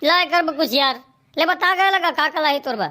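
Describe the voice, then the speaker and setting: A voice actor playing a calm village friend in a cartoon comedy, soothing and coaxing in a Chhattisgarhi accent. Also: high voice, normal speed.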